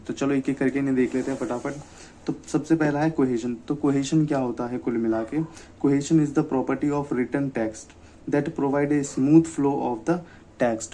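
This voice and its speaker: A young man giving an exam-prep lecture, often asking himself questions and checking "okay?", reading English definitions slowly. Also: medium pitch, mellow. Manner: repeats "ठीक है" and rhetorical questions. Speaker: teacher.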